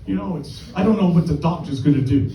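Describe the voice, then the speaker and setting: A man's voice: fairly high pitch, fast talker, warm tone, a little hiss or hum, natural voice. A man voicing an anxious injured man in a hospital bed, told in a joke. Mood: worried. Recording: roomy, distant mic.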